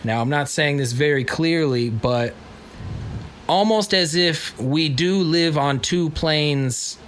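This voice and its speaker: A man's voice: a little high, takes it slowly, a bit bright, faint music behind. A man hosting a casual philosophy podcast, musing aloud, searching for words and joking between points. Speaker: podcast host.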